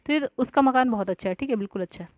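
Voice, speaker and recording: A woman with a slightly high voice races through an exam-prep grammar lesson, reasoning out each answer aloud. She keeps checking in with "ठीक है" and "guys". The audio is a dry, dull lo-fi recording with no room sound.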